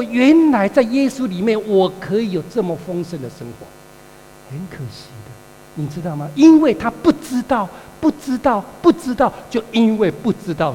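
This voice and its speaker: Male pastor, high and animated, preaching in an echoing church hall. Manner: animated storytelling, calls for congregation responses. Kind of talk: sermon. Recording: reverberant hall with mains hum.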